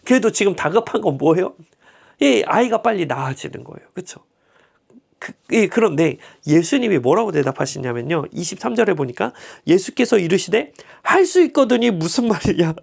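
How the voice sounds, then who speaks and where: A male pastor leads a Bible class in a chatty, humorous tone and keeps checking in with his listeners through tag questions. His voice is gravelly and moves through a wide, animated pitch range. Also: moderate pace. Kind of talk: conversational Bible teaching.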